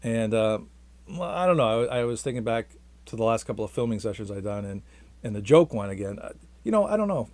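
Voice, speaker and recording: A man's voice: lowish voice, expressive, a little fast, darkish tone, no echo. A man talking casually to the camera in a rambling, hesitant, self-deprecating way. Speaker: vlogger.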